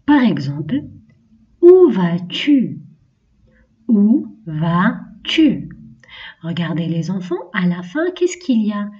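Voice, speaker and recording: A woman with an Algerian accent teaching French to young children, speaking slowly, repeating key phrases and switching into Algerian Arabic to explain. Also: lowish voice, dark tone. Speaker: primary school French teacher. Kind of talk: classroom lesson for children. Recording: distant, dull lo-fi recording.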